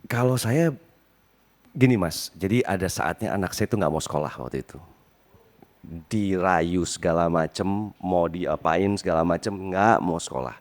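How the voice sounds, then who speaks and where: A man's voice: deep voice, moderate pace. A middle-aged man on a stage panel, telling a rambling personal story and correcting himself as he goes. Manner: rambling, self-correcting anecdote. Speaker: panel guest. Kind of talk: live stage talk.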